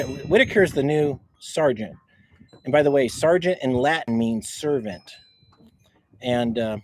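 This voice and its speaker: A man walking around outdoors on his property, casually showing things off to a handheld camera in a halting, rambling way that keeps repeating words. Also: a little high, rough recording. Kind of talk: casual rambling show-and-tell. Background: faint wind noise.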